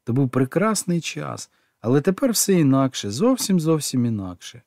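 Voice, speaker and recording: A man voicing a gushing, excitable storyteller. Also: fairly high pitch, no room sound, clean studio sound, voice pushed up. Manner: gushing, rapid stream of questions. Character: excitable warm-hearted famous storyteller man.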